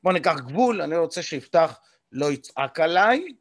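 Guy coaching a group live, kinda high voice, lots of uh's and "ok?" check-ins. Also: big pitch swings, dry recording, studio quality. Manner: explanatory, checks in often with the audience; frequent hesitation fillers. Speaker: communication coach leading a workshop.

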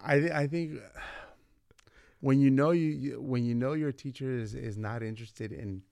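A man in his forties, a vice principal from California, guests on a podcast with a medium-pitched voice, vocal fry and a moderate pace. Telling stories in a casual interview, he gets animated and acts out what people said. The recording is dry and studio quality.

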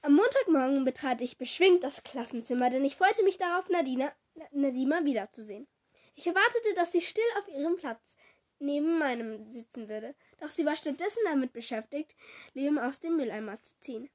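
A woman slowly reading a children's storybook aloud, correcting small slips as she goes. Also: high-pitched, lively intonation. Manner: slow, deliberate reading with small self-corrections.

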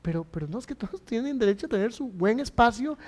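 A man's voice: very high voice, animated, fast, darkish tone. A man hosting a casual interview, chatty, often restarting his sentences.

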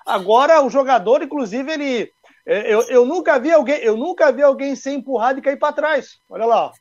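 A male football commentator with a strikingly high voice argues casually, explaining by playing out imagined exchanges. The audio is dry and a little dull. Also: brisk, no room sound. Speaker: sports commentator.

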